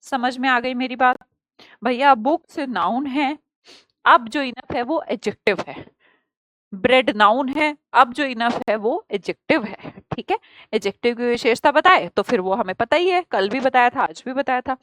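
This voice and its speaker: A woman with an Indian accent gives an exam-prep grammar lesson in a high, bright-pitched voice. She explains with lively rhetorical questions and calls her students "child". The sound is close and dry, with no room echo. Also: unhurried. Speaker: teacher.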